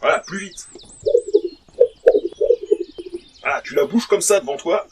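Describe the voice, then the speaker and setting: A man acting as an excitable, bossy adventurer in a fantasy audio saga, speaking in emphatic slang. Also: fairly high pitch, quick pace, slight background noise, natural voice. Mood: enthusiastic, instructive. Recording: music under the voice.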